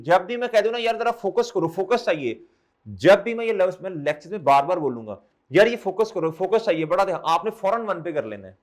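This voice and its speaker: A middle-aged man lectures an accounting class in a somewhat high voice. He coaxes and scolds by turns, often firing questions back at his students. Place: classroom, also streamed online.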